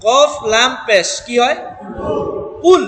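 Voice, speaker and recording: High-voiced Bengali man teaching Quran reading. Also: expressive, over music. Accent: Bangladeshi Bengali. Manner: patient, questioning drills, chants examples slowly. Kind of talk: classroom recitation lesson. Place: classroom with students. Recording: noisy room recording.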